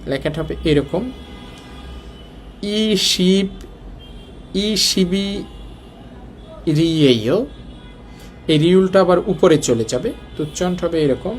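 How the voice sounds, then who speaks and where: Teaching Korean step by step, this man speaks in a high-leaning, creaky, slightly mellow voice with colloquial Dhaka Bengali speech from Bangladesh. He often poses rhetorical questions to his class.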